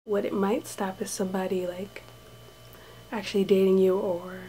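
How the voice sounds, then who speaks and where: Soft-spoken woman vlogging quietly in a small room, mellow tone over a low hum. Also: little pitch movement, moderate pace, poor audio. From United States. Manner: talks softly and hushed, drifting into whispers. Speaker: vlogger, English teacher abroad. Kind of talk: casual personal vlog. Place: small indoor room with thin walls.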